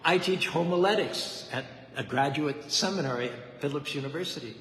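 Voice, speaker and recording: A man voicing a reserved preacher on holiday who speaks low and guarded. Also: normal speed, fairly bright tone, reverberant, big-room sound, a little hiss or hum, lightly acted. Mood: polite. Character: reserved preacher on vacation, wanting privacy.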